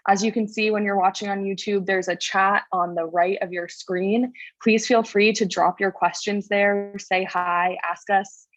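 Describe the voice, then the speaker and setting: A woman's voice: medium pitch, fairly even intonation, a little slow, dry recording. A young woman from Rhode Island hosting a casual livestream Q&A over a video call, welcoming and organized. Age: young adult. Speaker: panel moderator. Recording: dull, dry lo-fi call audio.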